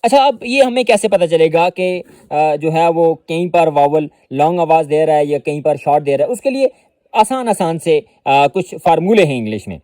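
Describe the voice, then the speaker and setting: A man teaching an English pronunciation lesson, patiently explaining and slowly repeating example words. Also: a little high, expressive, warm tone, no room sound.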